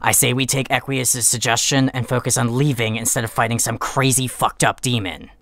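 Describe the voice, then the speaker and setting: A man's voice: medium pitch, animated, moderate pace, a bit bright, no echo, clean studio sound, full character voice. A man voicing a short-tempered young male troll leader in an audio drama, with a scratchy voice and a growling, swearing, commanding way of talking. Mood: irritated. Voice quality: scratchy, gravelly.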